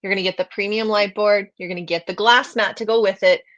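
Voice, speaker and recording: A woman's voice: medium pitch, steady tone, quick pace, fairly bright tone, lo-fi sound. Friendly woman co-hosting a sales stream. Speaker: co-host of a craft company livestream. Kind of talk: live sales stream chat.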